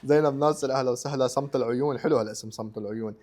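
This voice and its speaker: A man's voice: medium pitch, very fast, a little mellow. A chatty man with a Lebanese accent hosting a live online cooking show, casually greeting viewers, repeating himself and dropping in English words.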